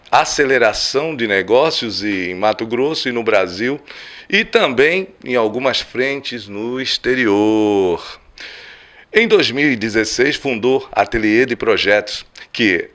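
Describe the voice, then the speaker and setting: A man's voice: medium pitch, fairly bright tone. A man hosting an interview, introducing his guest in short phrases and then asking about his childhood. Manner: measured, reads lists in short phrases. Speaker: interview host.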